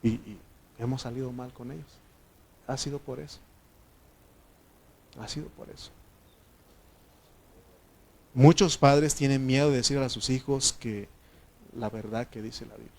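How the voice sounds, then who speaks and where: A man preaching a sermon, putting direct questions to the congregation and swinging between loud and hushed. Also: medium pitch, steady tone, moderate pace, gravelly. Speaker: pastor.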